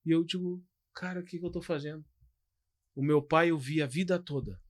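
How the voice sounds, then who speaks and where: Guy on a church podcast, kinda high voice, telling stories all fired up, dry close mic. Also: a little fast, no echo. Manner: animated, storytelling, frequent "cara" and "tu". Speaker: podcast co-host. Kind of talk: casual pastoral podcast talk.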